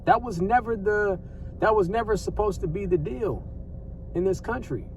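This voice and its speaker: Speaking at a moderate pace, an American man with a voice a bit higher than average riffs off the cuff like a vlogger reacting to news. He's chatty and repetitive, heavy on slang and swearing, and the recording sounds slightly distant with faint background noise.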